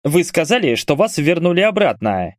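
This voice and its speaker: A man's voice: on the high side, big pitch swings, measured pace, dry recording, clean studio sound, pitched above the performer's own voice. A man voicing a stern male werewolf who heads an agency, firm and pressing.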